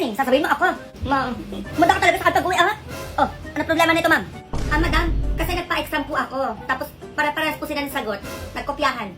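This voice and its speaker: A woman acting out a comedic sketch as a brash mother arguing with a polite teacher, with music playing behind her. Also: high voice. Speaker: comedy skit creator. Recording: background music under the voice.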